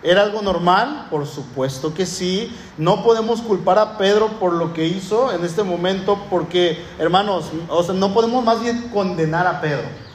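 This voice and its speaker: A man with a Mexican Spanish accent preaching a sermon as pastor of a church, earnest and slowing down to stress his points. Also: sits high, roomy sound, a little hiss or hum. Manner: earnest preaching, slows down for emphasis.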